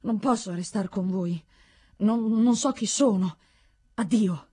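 A woman voicing a young, idealistic male knight novice who pleads and shouts in distress. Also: medium pitch, slow, slightly rough. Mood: lost, faltering.

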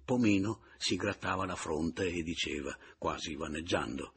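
A man reading a novel aloud for radio in measured, dramatic narration. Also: sits low, breathy edge. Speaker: audiobook reader.

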